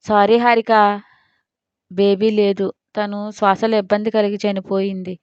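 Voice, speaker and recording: A woman reading out a calm female doctor in a storybook drama, gentle and soothing with her patient. The voice is smooth and dry, on a somewhat dull recording. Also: medium pitch, measured pace, no echo, natural voice. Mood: sympathetic.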